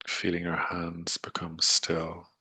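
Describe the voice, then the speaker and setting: Speaking in short, calming phrases separated by long silences, a man guides a meditation with little rise or fall in his tone. His low-pitched voice sounds breathy and husky, crisp at the top, softly encouraging the listener. The recording is low quality and has no room sound.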